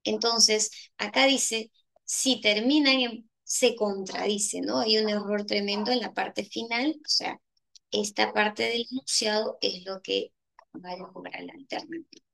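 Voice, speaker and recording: Gravelly-voiced woman teacher explaining. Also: mid-range voice, a little slow, a bit bright. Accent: Peruvian Spanish. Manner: explanatory, asks rhetorical questions. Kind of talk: exam solution lesson.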